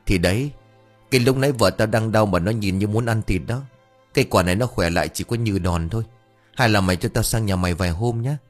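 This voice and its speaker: A man's voice: lowish voice, brisk, soft background music, natural voice. A man voicing a flustered, scatterbrained young husband who rambles and blusters. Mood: blustering.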